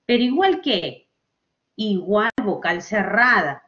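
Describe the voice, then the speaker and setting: Slow, lively woman teaching. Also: mid-range voice. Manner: slow, stretches out example words and vowels, frequent "¿ok?" checks. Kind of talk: language lesson for children. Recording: dull lo-fi recording.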